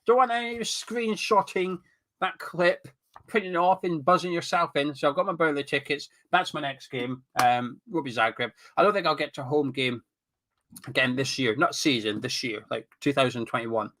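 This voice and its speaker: On his webcam stream, a Scottish host banters with chat, reads viewer comments, and drifts between topics. He has a fairly high, slightly bright voice at normal speed, and his nose is blocked and sniffly from a cold.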